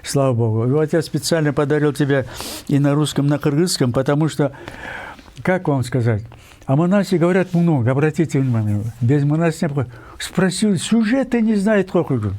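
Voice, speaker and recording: An older Kyrgyz man, a writer appearing as an interview guest, talks in a voice pitched unusually high for a man, with an expressive, dark tone. He pushes his points insistently and emphatically, drifting into tangents and filling pauses with hesitations and fillers.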